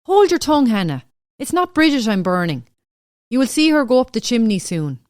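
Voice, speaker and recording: A woman's voice: on the high side, very animated, fairly quick, darkish tone, no room sound, clean studio sound, pitched above the performer's own voice. A woman reading as a raging Irish husband. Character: enraged rural Irish husband, man, 1890s.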